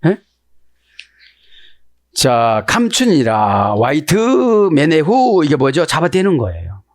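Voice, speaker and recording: A male pastor preaching a sermon that explains the Hebrew text, who keeps prodding his listeners with quick questions. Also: fairly high pitch, wildly swooping pitch, no echo, studio quality.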